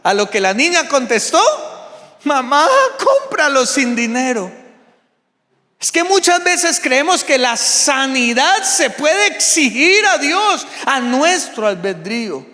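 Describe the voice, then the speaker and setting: A Colombian man preaching a sermon from the pulpit of a large church, emphatic and deliberate, asking rhetorical questions. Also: very high-pitched, big pitch swings, bright, forceful tone. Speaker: pastor. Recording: long church hall reverb.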